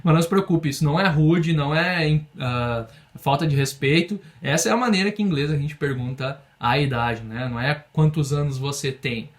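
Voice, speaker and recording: A man from Brazil teaching an online English lesson, patiently explaining and slowing down to model phrases for students. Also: on the high side.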